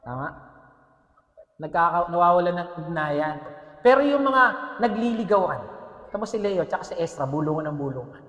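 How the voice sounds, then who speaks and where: Bright, high-voiced man preaching in an echoey hall. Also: moderate pace, long pauses. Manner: lively, joking, keeps asking the congregation "Amen?"; mixes English phrases into his preaching. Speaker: pastor. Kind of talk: sermon. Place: church hall. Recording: echoey church hall with long reverb.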